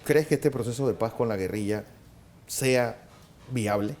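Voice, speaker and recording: A man's voice: mid-range voice, a little slow, a little mellow. A man interviewing a guest and asking direct questions. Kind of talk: news interview.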